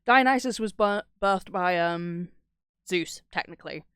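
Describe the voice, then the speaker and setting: This horror-reaction streamer is a woman with a lowish, smooth, fairly bright voice and an unhurried pace. She rambles casually through stories, sweary and irreverent, acting out the lines people said. The studio sound is clean with no echo.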